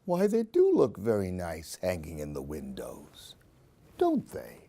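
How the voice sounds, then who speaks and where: A man's low, gravelly, mellow voice swoops wildly in pitch as he reads a little slowly. Hosting a children's book show, he dramatizes Halloween picture books and speaks directly to young listeners with questions and asides.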